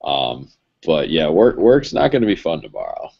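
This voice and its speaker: Low-voiced guy chatting loose and swearing, kinda dull lo-fi sound. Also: sing-song, normal speed, vocal fry, breathy edge. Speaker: podcast co-host. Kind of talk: casual chat.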